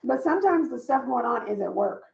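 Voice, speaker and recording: A woman's voice: fairly high pitch, animated, brisk, creaky, darkish tone, reverberant, dull audio, slight background noise. A woman speaking on a panel about workplace belonging, telling stories in an earnest, emphatic way and repeating her points, over a video call. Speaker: panelist, diversity and inclusion leader. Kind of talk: conversational panel discussion.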